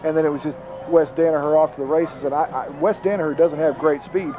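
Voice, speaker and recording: A man's voice: a little high, fairly even intonation, fast talker. A man with a Texan accent giving chatty, analytical football color commentary. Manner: chatty, analytical, breaks down the blocks. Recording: dull lo-fi 1990s broadcast tape.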